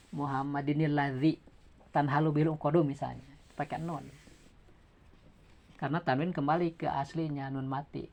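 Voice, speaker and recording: A woman with a Sundanese accent teaching recitation rules at home. She patiently checks that her students understand and chants verses slowly as examples. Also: sits low, fairly bright tone. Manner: demonstrates verses in slow chant. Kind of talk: home tajwid lesson.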